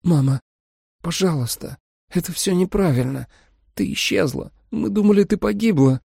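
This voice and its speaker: A man's voice: high voice, animated, normal speed, vocal fry, mellow, slightly rough, no room sound, clean studio sound, voice pushed up, heavily acted. Young woman hunter, earnest and tense, voiced by a male narrator. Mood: pleading. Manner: pleading, then firm.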